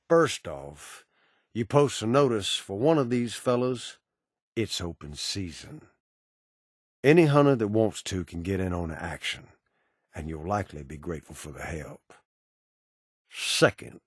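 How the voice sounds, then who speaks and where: An actor playing a cynical, menacing ghoul bounty broker in a video game, with an American Southern accent and a sardonic drawl full of cowboy slang. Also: male voice, sits low, breathy edge, no echo, studio quality, heavily acted. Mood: matter-of-fact. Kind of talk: video game character dialogue.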